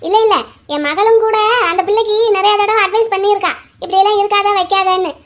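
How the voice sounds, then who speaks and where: A woman's voice: very high voice, steady tone, fast. Woman voicing a nagging cartoon mother. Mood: complaining. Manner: complaining, gossipy. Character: nagging middle-aged cartoon mother, gossipy and strict.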